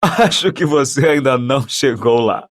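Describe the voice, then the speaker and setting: A man voicing a vain, jovial and pompous male professor in an audiobook, booming and patronizing. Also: lively intonation, moderate pace, close to an everyday voice. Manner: booming, patronizing, self-important. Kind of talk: audiobook character voice.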